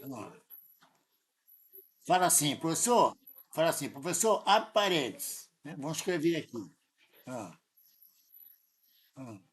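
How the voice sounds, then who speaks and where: A man's voice: fairly high pitch, lively intonation, slow, pauses often. A man with a Brazilian Portuguese accent tutoring a student in math, insistent and correcting them often. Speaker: math teacher. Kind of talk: live tutoring lesson.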